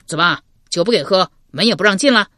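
A woman voicing a hot-tempered young male officer who talks fast and indignantly. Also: medium pitch, lively intonation, bright, forceful tone, dry recording, studio quality.

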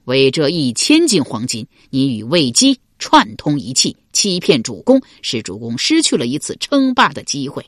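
Woman putting on an angry ancient chancellor, yelling, husky, lively pitch. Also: normal speed, hardly any pauses, dry recording, clean studio sound. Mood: furious. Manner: scolding, forceful. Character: stern angry male chancellor of ancient court.

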